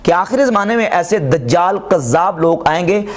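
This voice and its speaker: Male religious lecturer, high voice, polemical and insistent. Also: lively intonation, normal speed. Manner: argumentative, rhetorical questions, quotes Arabic. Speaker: religious scholar reviewing a speech.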